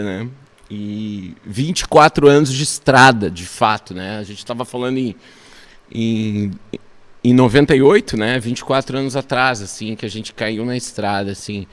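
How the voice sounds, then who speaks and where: A man, a musician guest telling road stories in a relaxed, laughing way. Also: medium pitch, normal speed. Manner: relaxed storytelling, laughs often, frequent "né?". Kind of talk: casual interview chat.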